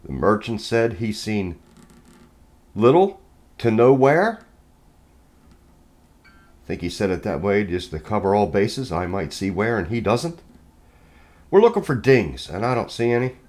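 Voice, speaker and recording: This guitar reviewer speaks in a lowish, sing-song, somewhat dark voice at a measured pace, pausing often. Casual and folksy, he explains each check of a guitar inspection step by step in a hands-on walkthrough.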